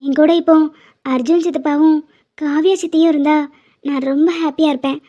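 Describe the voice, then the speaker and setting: A woman voicing a playful, teasing pregnant young wife in an animated cartoon. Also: high-pitched, brisk, highs cut off, natural voice. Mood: affectionate. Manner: teasing, bossy, affectionate.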